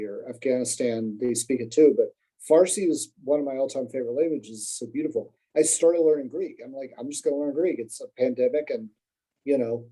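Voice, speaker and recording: On a podcast, a male guest with a mellow, medium-pitched voice tells long, wandering stories in a casual, self-deprecating way, full of fillers and restarts. The recording quality is rough.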